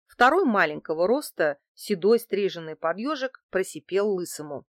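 A woman narrates a crime novel in the first person, steady and even in a middle register. The sound is dry and close to the mic, with no room echo. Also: medium pitch, normal speed. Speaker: audiobook narrator.

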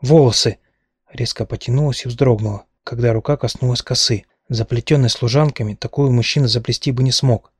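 A man reading a first-person novel aloud at a steady, measured pace. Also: medium pitch, breathy edge, no room sound, clean studio sound. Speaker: audiobook narrator.

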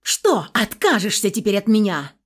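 A woman voicing a tired, stubborn young daughter who speaks softly and reproachfully, in an audiobook. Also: a little high, animated, moderate pace, voice pushed up. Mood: desperate. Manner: soft, reproachful, pleading.

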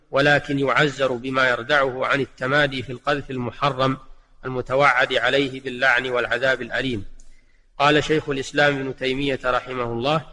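A man delivering a scripted religious lesson in formal Standard Arabic, with a measured, classical delivery. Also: mid-range voice, a bit bright. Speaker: religious teacher giving a recorded lesson. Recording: long hall-like reverb.

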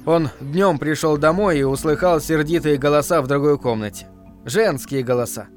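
A man narrating an audiobook in measured, short phrases. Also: a little high. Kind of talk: scripted literary narration. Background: faint background music.

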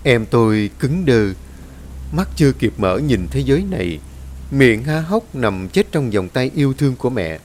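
A man's voice: mid-range voice, normal speed, slight background noise. Man narrating a ghost story expressively. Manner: dramatic, expressive reading. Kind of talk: scripted horror story narration.

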